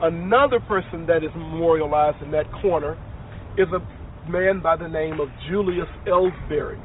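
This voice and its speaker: A man guiding a walking tour of memorials, measured and emphatic, slowing down on key phrases. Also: on the high side, a little hiss or hum. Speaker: tour guide. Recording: tinny lo-fi audio with faint music.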